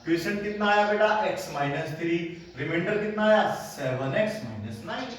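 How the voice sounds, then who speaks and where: A patient maths teacher with a high voice explains each step of a lesson and keeps checking that his students follow. He is recorded from a distance in a very echoey room with faint ambient sound. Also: lively intonation, normal speed, a little hiss or hum. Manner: patient, calls students "beta", checks understanding often.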